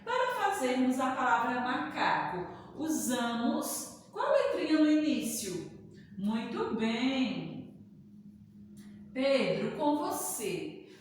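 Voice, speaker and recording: Slowly and with big pitch swings in her high voice, a woman teacher who calls herself "tia" spells syllables letter by letter, coaxing and praising young children in a recorded reading lesson. The mic sits far away in an echoey room with long reverb, and there's slight background noise.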